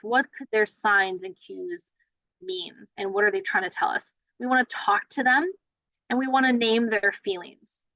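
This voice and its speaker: Bright-voiced woman trainer, conversational. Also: mid-range voice, no room sound, muffled recording. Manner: conversational, many fillers and "right?". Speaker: play therapy trainer. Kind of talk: online training lecture.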